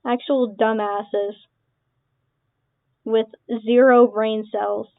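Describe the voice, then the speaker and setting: A woman's voice: on the high side, level tone, extremely slow, gravelly, dry recording. A young woman giving a casual reaction commentary, sarcastic and dismissive, swearing often. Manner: dismissive, sarcastic, swearing, laughing between remarks. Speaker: online creator responding to accusations. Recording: tinny phone-like lo-fi sound, dry.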